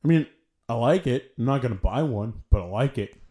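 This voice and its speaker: A young man with a mellow, soft-edged voice co-hosts a laid-back podcast. He banters playfully and giggles easily. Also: mid-range voice, animated, a little fast. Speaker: podcast co-host. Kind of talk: casual news chat.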